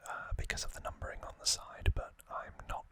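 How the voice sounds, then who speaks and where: In a hushed, breathy whisper, this ASMR host unboxes items, taking his time and musing aloud as he goes.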